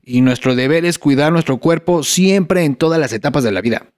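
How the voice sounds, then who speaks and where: An actor playing a patient, caring father with a Mexican accent, talking in a gentle and reassuring way. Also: a little high, brisk, lightly acted.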